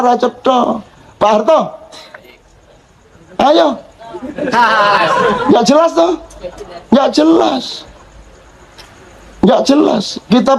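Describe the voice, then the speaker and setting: A man's voice: extremely high pitch, creaky. A man with a Javanese accent giving an informal religious-cultural talk to an audience, telling stories animatedly, joking and mimicking others. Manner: animated storytelling, mixing in Javanese words. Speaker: speaker addressing an audience.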